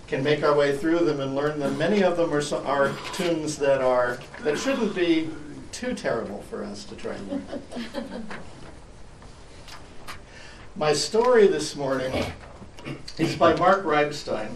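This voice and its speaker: A pastor reads a picture book to the children in a worship service, his voice moving freely up and down at an unhurried pace. He speaks gently. The sound comes from a far mic in an echoey church, with faint ambience behind him. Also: medium pitch, background noise. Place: church sanctuary.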